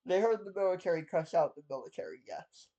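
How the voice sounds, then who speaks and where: A man's voice: high voice, expressive, quick pace, warm tone, lo-fi sound. A man narrating a tabletop game as game master in a loose, conversational way with frequent fillers.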